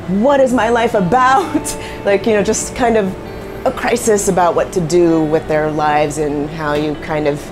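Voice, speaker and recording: A middle-aged woman from Cambodia, a restaurant co-owner chatting in an interview, quick with fillers and asides, on a lapel mic in a small kitchen. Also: on the low side. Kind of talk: casual interview. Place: small commercial kitchen, indoors. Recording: music bed underneath.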